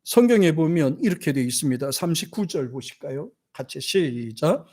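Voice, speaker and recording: Korean pastor preaching, husky and lively. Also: male voice, fairly high pitch, moderate pace. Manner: preaches with dramatized quotes of scripture figures; leads congregation in reading scripture aloud. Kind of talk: sermon. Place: church sanctuary.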